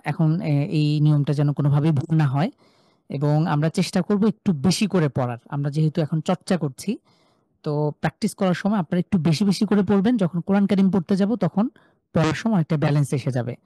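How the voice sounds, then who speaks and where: A man's voice: a little high, mellow, dry recording, studio quality. Patient man teaching Quran letter sounds. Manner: patient, demonstrates letter sounds slowly, asks students questions. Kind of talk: live online lesson. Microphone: video call.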